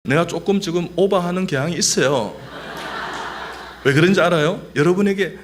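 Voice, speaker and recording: A man's voice: high-pitched, moderate pace, slight background noise. A middle-aged man, a doctor, giving a humorous testimony in church and leading the congregation in repeating phrases. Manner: lively, joking, leads the congregation in repeating phrases.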